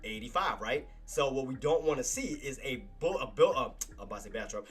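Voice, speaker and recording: A man with nasal congestion runs a live trading stream, commenting on stock charts in an animated, fairly quick mid-range voice that is a bit bright and slightly rough. He covers chart levels casually, repeating key points and calling his chat "boss." Faint music plays behind him.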